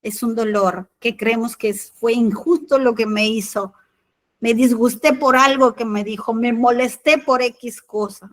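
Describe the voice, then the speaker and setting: An Argentine woman preaching a sermon, telling a personal story and acting out the dialogue with animation. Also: mid-range voice. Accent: Argentine Spanish.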